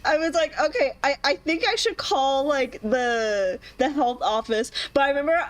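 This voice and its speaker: A young woman who co-hosts a podcast tells a long, rambling story while chatting casually with friends, full of ums and laughter along the way. Her voice sits high and moves at a moderate pace.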